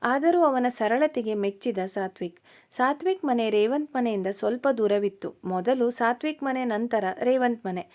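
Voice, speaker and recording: A woman reading a story aloud as a narrator, in an even, measured manner. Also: on the high side.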